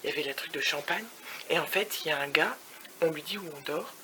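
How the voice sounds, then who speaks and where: A woman's voice: low-pitched, fast, pushed and bright, a little hiss or hum. A woman vlogging from her hotel room in a chatty, rambling way, scattering English words through her talk and sometimes dropping to a whisper. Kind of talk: casual vlog chat.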